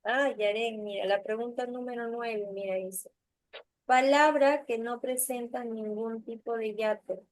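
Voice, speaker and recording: Young woman teacher, unhurried, patient, dry close sound, video-call mic, checks in with students constantly. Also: fairly high pitch, fairly even intonation, no room sound, low-quality recording. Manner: patient, checks understanding with frequent tag questions. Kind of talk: online class lesson. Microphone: computer mic on a video call.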